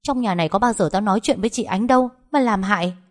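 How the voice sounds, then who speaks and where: A woman's voice: on the low side, lively intonation, fast talker. Woman doing a haughty young woman. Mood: defiant. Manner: insulting, defiant.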